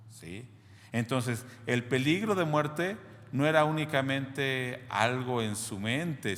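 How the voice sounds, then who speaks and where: A man's voice: medium pitch, a bit bright, big-room sound. A man preaching a sermon in a conversational way, often checking in with his listeners. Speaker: pastor.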